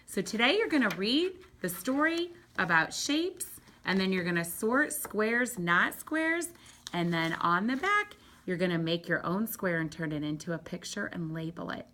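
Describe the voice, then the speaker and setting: A woman teacher giving a home lesson to young children. She reads aloud slowly in a sing-song way and gives bright, encouraging step-by-step directions. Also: medium pitch, animated, slight background noise. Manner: slow, sing-song read-aloud with drawn-out words.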